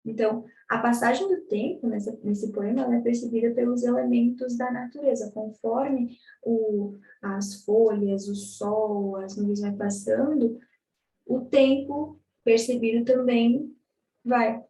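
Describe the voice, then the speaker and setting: A young Brazilian woman reading poems aloud and explaining them in a relaxed study style. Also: fairly high pitch, distant mic. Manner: reads verse slowly, then explains in casual chat. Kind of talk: poetry reading with study commentary. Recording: roomy echo, voice a bit off mic.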